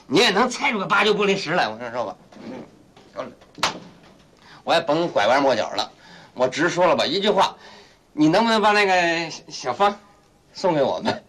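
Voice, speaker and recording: A man's voice: on the high side, sing-song, moderate pace, long pauses, fairly bright tone. An actor playing a good-natured husband who rambles, hesitates and fills his talk with fillers. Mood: hesitant asking. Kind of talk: 1990s TV drama acting.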